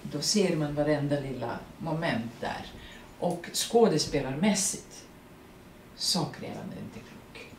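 A woman with a Serbian accent and Serbian as her first language, speaking as the guest at a public artist talk, animated, laughing often and searching for words. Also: sits low. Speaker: guest actress. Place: print workshop event room. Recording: roomy, distant mic, faint noise.

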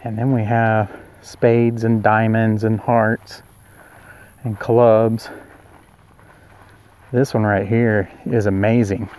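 A vlogger with an Oklahoma accent walks through a rural yard at a roadside attraction, casually and chattily describing what he sees, recorded outdoors on a handheld camera. His voice is on the low side and darkish, with little pitch movement, slow delivery, and frequent pauses.

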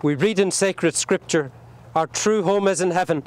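A man leading a burial service outdoors at a cemetery, reciting the prayers in a solemn, measured way. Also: high voice. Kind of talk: liturgical graveside prayer.

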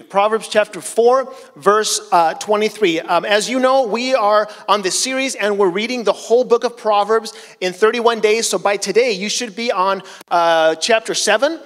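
A middle-aged pastor preaching a casual sermon on a church stage with a handheld mic, telling personal stories in a conversational, self-deprecating way. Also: male voice, high-pitched, unhurried, a bit bright. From Chile. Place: church stage, large hall. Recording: long church hall reverb.

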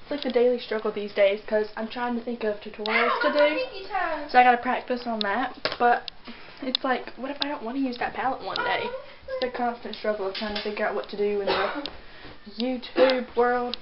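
A woman's voice: on the high side, fairly quick, highs cut off, heavy background noise. A young woman chatting casually to her camera at home in a daily vlog, sometimes cooing at her dog. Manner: chatty, talks baby-talk to her dog. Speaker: vlogger. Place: at home, indoors.

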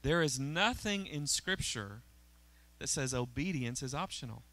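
Unhurried, with lively intonation and a medium-pitched, pushed, bright voice, a middle-aged man preaches from a church stage indoors. The pastor uses a handheld mic, keeps his sermon conversational and frequently checks in with his congregation.

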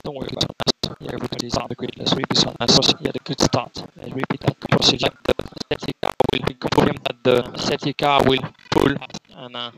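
Gravelly male race engineer on noisy car radio. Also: medium pitch, level tone, brisk, hardly any pauses. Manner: repeats instructions methodically. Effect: team radio filter. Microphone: radio headset. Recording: race car onboard radio, noisy, clicks, vehicle sound.

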